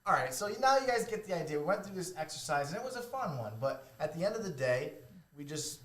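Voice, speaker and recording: A man with a Boston accent co-hosts a casual podcast. He sits slightly high for a man, jokes as he goes, and the echoey room rings around his voice. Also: big pitch swings, fast talker, a bit bright. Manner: joking, laughs often. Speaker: podcast co-host. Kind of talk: casual chat.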